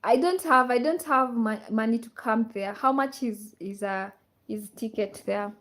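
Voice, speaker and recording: A woman's voice: on the high side, a little slow, fairly bright tone. A woman from Kenya hosting a casual livestream, reading out viewer comments and repeating her questions to the audience. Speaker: livestream host. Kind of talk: casual live chat with viewers.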